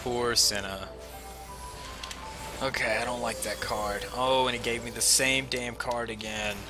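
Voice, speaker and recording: A man with a head cold and chesty cough livestreams a game, chatting in a rambling, self-mocking manner over game music. His medium-pitched voice is fairly even in intonation and measured in pace.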